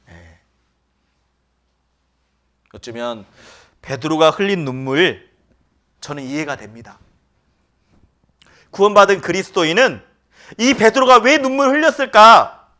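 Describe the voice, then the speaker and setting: A man's voice: sits high, expressive, unhurried, pauses often. A man preaching a sermon as pastor in a church, often asking the congregation rhetorical questions. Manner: acts out quoted lines with sudden loud outbursts.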